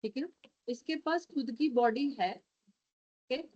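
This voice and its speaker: A woman with an Indian accent teaches a programming class, coding live and often checking that her students are following. Her high voice is slow and a little mellow, and she switches between Hindi and English, coaxing them along. The audio is dull.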